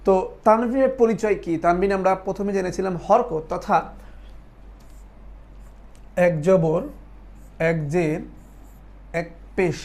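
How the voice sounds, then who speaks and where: In an online lesson, a Quran recitation teacher patiently explains things step by step, posing questions, answering them himself, and repeating points for drilling. The voice is mid-range and darkish, with a moderate pace and long pauses.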